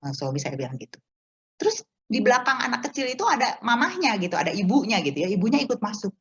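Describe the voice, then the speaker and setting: A woman shares a personal testimony with an online prayer group, telling the story in a lively, animated way and addressing her listeners directly. Her voice is a little husky and breathy. The audio sounds dull and lo-fi, like an online stream. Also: on the high side, fast. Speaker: speaker at an online prayer meeting. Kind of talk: testimony to a congregation.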